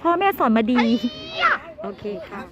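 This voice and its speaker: A woman giving lively amateur commentary on a seven-a-side football match, shouting player names again and again as the play moves. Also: over a noisy crowd. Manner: lively, rapid repeated calls of player names. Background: music.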